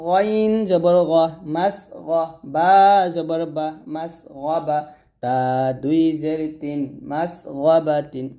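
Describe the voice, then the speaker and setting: A male teacher drills pronunciation at a very slow pace, sounding out each letter and vowel. His voice sits slightly high for a man, with a dark, mellow tone. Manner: slow, syllable-by-syllable drilling with brief asides. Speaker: Quran recitation teacher. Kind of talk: spelling-out pronunciation lesson.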